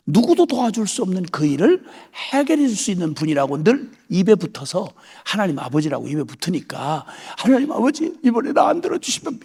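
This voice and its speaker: Middle-aged guy preaching, high lively voice, husky and gravelly, tells stories with voices. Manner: animated, acts out voices in quoted prayers. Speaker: missionary preacher. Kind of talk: sermon storytelling.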